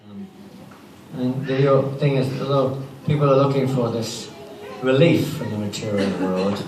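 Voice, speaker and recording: Low-voiced man teaching in an echoey hall. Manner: conversational, rambling with restarts and chuckles. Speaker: spiritual teacher giving a class. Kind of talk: informal spiritual talk. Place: temple hall. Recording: roomy hall audio from a distance, noisy.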